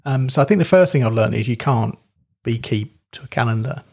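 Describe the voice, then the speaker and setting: Husky-voiced man chatting. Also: mid-range voice, brisk, a little mellow. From England. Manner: chatty, joking, rambling with fillers. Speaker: podcast co-host. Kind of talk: casual chat.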